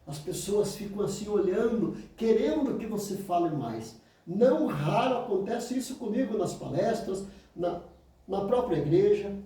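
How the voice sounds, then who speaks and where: A man in his fifties with a Brazilian Portuguese accent, teaching oratory in an emphatic motivational lecture that mimics excuses in a higher voice and answers them low and firm. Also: expressive, measured pace, warm tone. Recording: very echoey room, mic far off.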